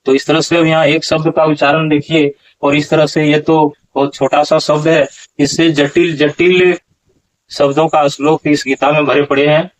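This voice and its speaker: A man teaching how to pronounce a Gita verse. He talks slowly, asks questions and corrects recitations. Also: fairly high pitch, flat delivery, low-quality recording. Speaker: Sanskrit pronunciation teacher.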